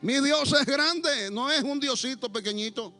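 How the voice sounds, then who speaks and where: A pastor preaches a Pentecostal sermon to his congregation at an unhurried pace, with faint music behind him. He swings between shouted declarations and low, quiet asides, showing a playful, teasing streak.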